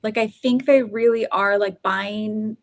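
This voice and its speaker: A woman's voice: mid-range voice, steady tone, unhurried, no room sound. A woman co-hosting a casual podcast chat, talking in loose, rambling sentences full of fillers. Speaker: podcast co-host. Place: Oklahoma, US.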